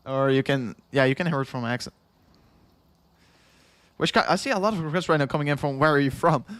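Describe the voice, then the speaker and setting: Casual livestream chat comes from a young man from the Netherlands with a Dutch accent, his voice fairly high, fast and a bit bright in a dry, close recording. He's worn out after hours of streaming. He repeats himself as he rambles, chuckles frequently and reads chat out loud.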